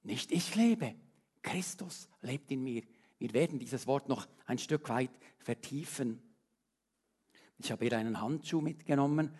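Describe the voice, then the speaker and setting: Earnest preacher, rising and falling. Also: male voice, mid-range voice. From Switzerland. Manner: earnest, rising to emphatic appeals then dropping to quiet. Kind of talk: sermon.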